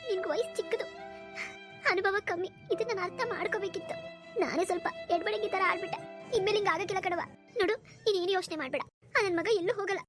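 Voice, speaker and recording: A woman's voice: very high voice, fairly even intonation, quick pace, fairly bright tone, soft background music. A woman voicing an older village mother-in-law in a cartoon, who consoles her daughter-in-law in a firm, motherly way. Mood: consoling. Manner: scolding then consoling, motherly. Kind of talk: cartoon dubbing.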